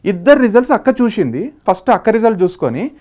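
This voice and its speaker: A man with a Telangana Telugu accent tells his own story as a monologue, speaking in a fairly high voice. He is lively and slips into the voices of his family when he quotes them. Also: fast. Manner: lively, acts out family members' quoted lines. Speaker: startup founder.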